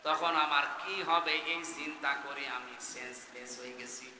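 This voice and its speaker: A man preaching a Bengali waz sermon, swinging from low intoning to loud shouted exhortation and chanting Arabic verses. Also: level tone, measured pace, roomy sound, big-room sound, noisy background. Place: large outdoor gathering.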